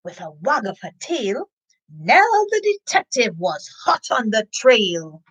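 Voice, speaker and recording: In a low-quality recording, a woman with a fairly high voice takes her time as she hosts a live children's story time. She reads a picture book with animated expression, chats with listeners, and sniffs and makes asides along the way.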